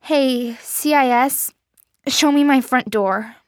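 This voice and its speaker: A woman's voice: sits high, slow, clean tone, no room sound, studio quality, pitched above the performer's own voice. A woman voicing a frightened young woman who pleads and stammers in a raised voice. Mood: frightened pleading.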